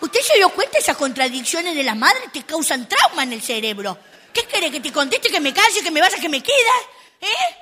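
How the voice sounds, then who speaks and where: Brief: woman comic as a sassy little girl, high, bright, indignant asides. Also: very animated, normal speed, full character voice. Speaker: stand-up comic in character. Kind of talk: comic monologue.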